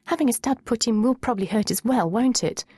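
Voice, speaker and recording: A dramatic, squeamish teenage girl in an audiobook, her voice pitched up high and whiny, as a woman narrator puts her on. She protests everything. The recording is dry and close. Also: a little fast, darkish tone, breathy edge, no room sound. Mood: breezy.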